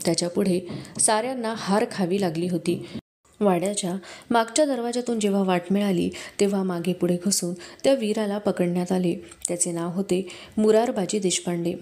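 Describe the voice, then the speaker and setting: Woman audiobook narrator, warm and mellow, even storytelling. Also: mid-range voice. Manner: steady storytelling. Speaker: audiobook reader. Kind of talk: scripted narration of a historical novel.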